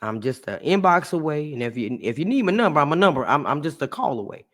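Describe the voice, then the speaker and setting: A woman hosting a podcast, chatting warmly and casually with a guest and her listeners, laughing often. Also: low-pitched, fast talker. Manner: animated, laughs often, talks to listeners as y'all. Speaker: podcast host. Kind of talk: casual heartfelt chat.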